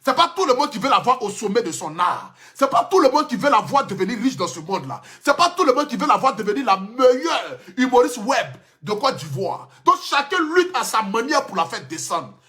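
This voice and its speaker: A man's voice: extremely high pitch, very animated, a little fast, few pauses, pushed and bright. A man with an Ivorian French accent giving an emphatic, impassioned live stream rant into his phone. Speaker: social media personality.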